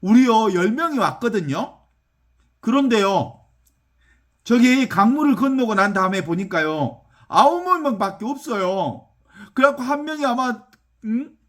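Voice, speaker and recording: A man's voice: very high voice, lively intonation, measured pace, fairly bright tone, voice pushed up, heavily acted. A man voicing a group of young pigs telling a story, earnest and childlike in a parable. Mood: pleading. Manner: earnest, childlike, polite pleading. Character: weeping young pigs counting themselves.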